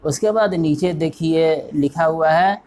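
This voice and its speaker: A man's voice: on the high side, a little mellow, slight background noise. A man teaching an online textbook lesson, patiently explaining step by step and repeating each word while quizzing the listener. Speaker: Arabic teacher.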